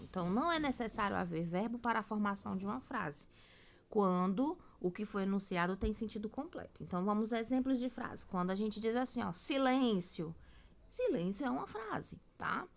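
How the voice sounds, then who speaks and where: A woman's voice: fairly high pitch, expressive, brisk, vocal fry. A woman, teaching a recorded grammar lesson, explaining step by step and often checking in with her students.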